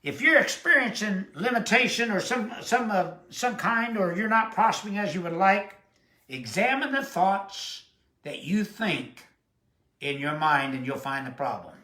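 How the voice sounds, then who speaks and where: Older Texan male preacher in his seventies, high-pitched, emphatic sermon, roomy echo. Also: pushed and bright. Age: 70s. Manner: emotional, emphatic preaching with drawn-out quotes. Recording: echoey room.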